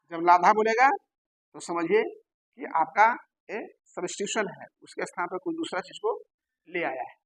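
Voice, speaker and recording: Husky-voiced male teacher quizzing his class. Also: high-pitched, poor audio. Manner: asks rhetorical questions and answers them himself; repeats key terms slowly for emphasis. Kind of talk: classroom lecture.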